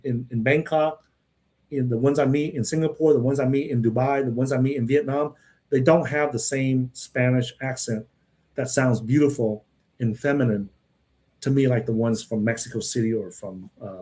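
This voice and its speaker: With a warm tone at medium pitch, a man who grew up in Texas answers viewers' questions in a casual, wandering monologue. Repeated words and tag questions like "right?" and "okay?" run through his speech.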